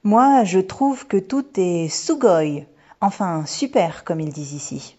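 A high, bouncy little girl full of eager wonder, as a woman reads her in a storybook. The voice is husky at the edges. The recording is dull and lo-fi. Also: normal speed, warm tone, natural voice. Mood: excited. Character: excited young Japanese girl traveler.

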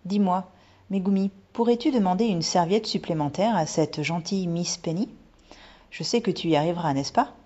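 A woman voicing a gentle mother who speaks in a teasing, mysterious way. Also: lowish voice, moderate pace, husky. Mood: playful. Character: gentle playful mother with a secret. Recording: dull lo-fi recording.

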